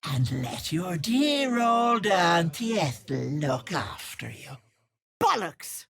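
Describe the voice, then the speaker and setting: A woman's voice: fairly low pitch, sing-song, takes it slowly, vocal fry, full character voice. An actress playing a wicked old hag who poses as a sweet auntie in a video game, switching between sugary and sly, menacing talk. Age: older. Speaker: game character.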